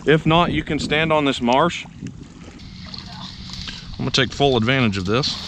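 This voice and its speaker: A man's voice: medium pitch, normal speed. A young man fishing from a kayak on a lake, chatting casually and exclaiming over each catch. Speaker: fishing vlogger. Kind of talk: casual outdoor chat while fishing. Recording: noisy outdoor camera audio. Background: rain and water noise.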